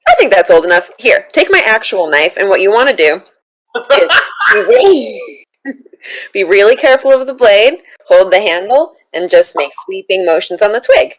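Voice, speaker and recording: A woman's voice: mid-range voice, lively intonation, normal speed, a little hiss or hum. Dry-voiced woman playing her character. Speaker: player. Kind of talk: in-character tabletop play.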